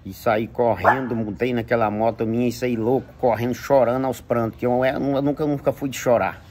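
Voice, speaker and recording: A man's voice: fairly even intonation, brisk, background noise. A man with a Brazilian Portuguese accent recounting a personal religious testimony with emotion, his voice rising as he retells dialogue. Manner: emotional, rises in pitch when retelling dialogue. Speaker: witness giving a religious testimony.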